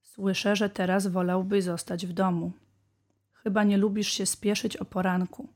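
A woman's voice: medium pitch, measured pace, lightly acted. A woman voicing a busy rabbit father in a storybook, urging his son to hurry. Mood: calm. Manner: urgent calls, later calm and gentle. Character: busy rabbit father, hurried then calm.

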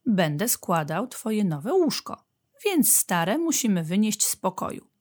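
Woman plays steady dad badger, slow and measured, storybook. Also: medium pitch. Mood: calm. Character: steady helpful father badger. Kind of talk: storybook reading.

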